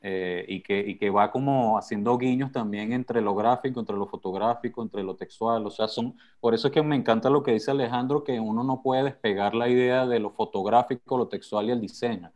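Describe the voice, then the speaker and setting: A man's voice: mid-range voice, steady tone, brisk, few pauses, darkish tone, dull audio. A man on a video call, explaining his ideas about a book with many fillers. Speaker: moderator of a book talk. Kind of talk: casual video call conversation.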